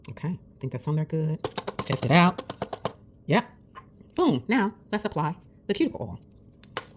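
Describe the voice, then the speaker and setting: A woman's voice: deep voice, big pitch swings, moderate pace, noisy background. A woman vlogger chatting through a nail tutorial, calling viewers besties in a friendly, encouraging way, with the hiccups. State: has the hiccups. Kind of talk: casual tutorial chat.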